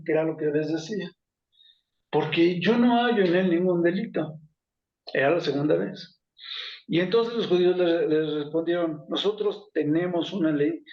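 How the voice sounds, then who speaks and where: A man, his voice pitched a little high, leads an informal Bible study. He talks in a loose, conversational way, full of fillers and self-corrections. The sound is echoey and muffled, as if recorded in a hard room on lo-fi gear. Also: a little mellow.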